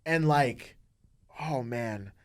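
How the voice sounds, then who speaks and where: A young man co-hosting a podcast, chatting casually and excitedly with lots of fillers and restarts. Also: mid-range voice, extremely slow. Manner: rambling, excited, heavy on fillers. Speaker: podcast co-host. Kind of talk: casual chat.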